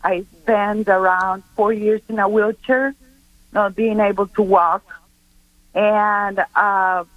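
A woman's voice: mid-range voice, steady tone, slow, no echo, narrow, tinny audio. Earnest middle-aged woman from Costa Rica. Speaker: guest speaker. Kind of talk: radio interview chat.

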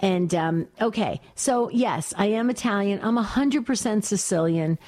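An older woman hosts a faith call-in radio show, speaking at a middle pitch for a woman. She talks in a chatty, rambling way and keeps restarting her sentences. She grew up in New Jersey. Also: animated, normal speed. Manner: chatty, warm-hearted, many restarts. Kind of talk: talk radio monologue.

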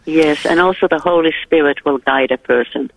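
A woman's voice: sits low, normal speed, vocal fry, dry recording. A woman from Finland with a Finnish accent, calling in to a radio show and speaking earnestly about her faith over the phone. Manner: earnest, devout. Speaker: caller. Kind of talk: call-in radio chat. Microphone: telephone. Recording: tinny phone line.

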